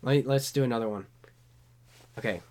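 A man's voice: medium pitch, fairly quick, darkish tone. A young man co-hosting a casual chat, rambling, crude and jokey. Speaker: podcast co-host.

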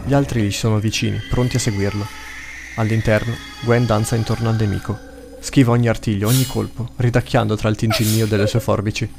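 Low, gravelly male storyteller. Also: little pitch movement, a little fast, music in the background. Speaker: narrator. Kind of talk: scripted storybook narration.

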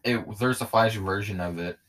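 A man with a somewhat low voice co-hosts a laid-back chat show. He rambles from one thought to the next and cracks jokes in gamer slang, keeping things loose. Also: moderate pace, a bit bright. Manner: rambling, jokey gamer banter. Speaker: podcast co-host. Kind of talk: casual chat.

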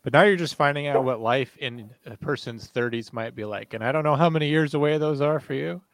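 A man's voice: mid-range voice, brisk, dry recording. Brief: thirties male host, teasing and loose, medium voice, dry recording. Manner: rambling, teasing, jokey questions. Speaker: podcast host. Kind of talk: casual podcast chat.

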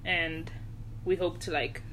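A woman's voice: on the low side, fairly even intonation, slow, fairly bright tone, a little hiss or hum. A young woman from Nigeria co-hosting a casual podcast, telling her story in an earnest, reflective way. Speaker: podcast co-host. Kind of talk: casual chat.

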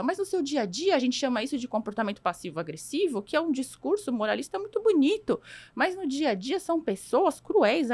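A woman's voice: sits high, darkish tone. A woman with a Brazilian accent speaking emphatically as a guest in a podcast conversation, lecturing on parenting and acting out quoted voices. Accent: Brazilian Portuguese.

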